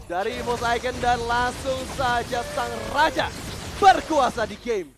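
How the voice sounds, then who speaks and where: High-pitched hype male esports announcer, Indonesian accent. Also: a little slow, noisy background. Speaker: esports play-by-play caster. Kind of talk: excited fighting game announcer style match commentary.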